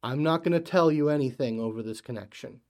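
A man's voice: mid-range voice, fairly quick, noisy background, lightly acted. A man voicing a stern, worried father who gives curt, urgent orders.

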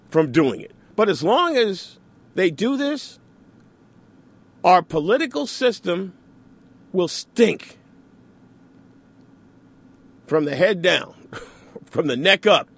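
A man's voice: sits high, very animated, takes it slowly, long pauses, a bit bright. A man hosting a radio talk show, delivering an opinionated monologue with sarcastic asides. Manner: sarcastic, mocks opponents in mimicking asides.

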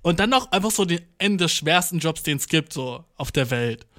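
A young man with a slightly higher voice than most men tells a rambling everyday story. His talk is loose and slangy, full of swearing and English words dropped into his sentences. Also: lively intonation, fairly quick, fairly bright tone. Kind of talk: casual storytelling monologue.

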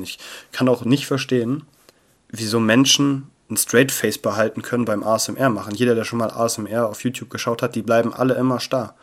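A young man hosting a casual podcast, chatty and playful, swinging between loud bursts and low murmurs on a close, sensitive mic. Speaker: podcast host. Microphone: sensitive close mic that picks up paper rustle.

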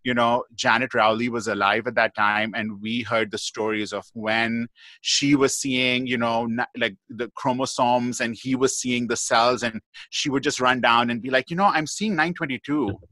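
A man's voice: medium pitch, flat delivery, moderate pace, bright, forceful tone, no room sound. A man, a guest pathologist, telling a long story in a podcast interview, chatty and full of "like" and "you know".

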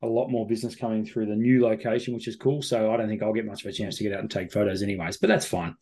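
A man's voice: on the low side, fairly even intonation, very fast, mellow. A man with an Australian accent hosting a show in casual, chatty conversation. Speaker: host. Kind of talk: casual chat on a video show.

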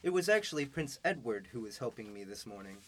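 A man's voice: medium pitch, very animated, fast talker, fairly bright tone, a little hiss or hum. A man voicing an older, courteous and weary knight in a student radio drama. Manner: formal, courteous.

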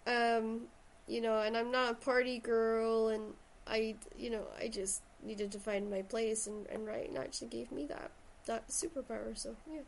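A woman's voice: on the high side, flat delivery, moderate pace, creaky, hardly any pauses, slight background noise. A woman with a Shetland accent chatting casually and enthusiastically about books as a host. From Shetland, Scotland. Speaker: podcast host and writer. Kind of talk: casual book chat.

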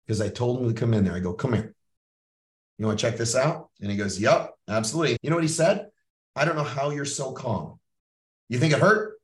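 A man's voice: a little high, fairly bright tone. Blunt, profane man in a roomy space. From Canada. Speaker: podcast host. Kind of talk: motivational monologue. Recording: roomy sound, mic at a distance.

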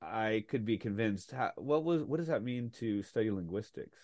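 This male podcast host has a fairly low, expressive voice with a slightly mellow quality, captured in a dry, studio-quality recording. At a moderate pace he reads a guest intro and then chats casually and eagerly, dropping in frequent fillers.

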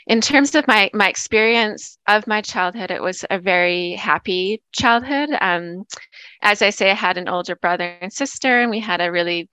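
Bright-voiced woman from Vancouver Island. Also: mid-range voice, normal speed, clean tone, no echo. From Canada, Vancouver Island. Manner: warm, reflective, laughs often, many "um"s. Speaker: guest, associate professor. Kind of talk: casual interview conversation.

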